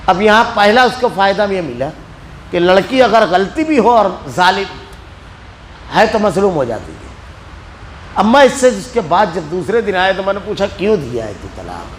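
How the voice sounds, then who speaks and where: A man with an Indian Urdu accent from Maharashtra, teaching a religious lesson in a mosque as an animated storyteller. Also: high-pitched, slight background noise, rough recording. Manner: animated storyteller acting out quoted speech. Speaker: Quran teacher.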